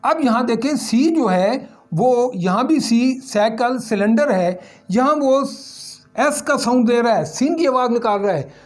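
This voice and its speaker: His pitch is extremely high and expressive, his pace a little slow. This male English teacher records a pronunciation lesson, asking questions he answers himself and going over the key sounds repeatedly.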